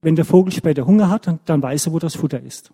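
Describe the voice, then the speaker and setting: A man doing a gentle, coaxing mother. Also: on the high side, fast, breathy edge, long reverb tail. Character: warm, practical mother of a young boy.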